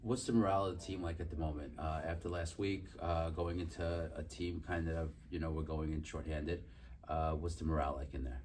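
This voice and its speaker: Deep-voiced male reporter, off-mic. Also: steady tone, fairly quick, darkish tone, recorded from a distance. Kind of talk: casual press questions. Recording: off-mic with faint ambient noise.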